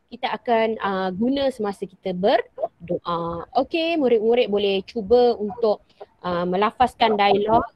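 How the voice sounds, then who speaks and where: A primary school teacher with a Malaysian Malay accent speaks in a fairly high voice, giving an online lesson. She patiently repeats example sentences, acting out their intonation. The recording is dry and dull, with a lo-fi quality and no echo.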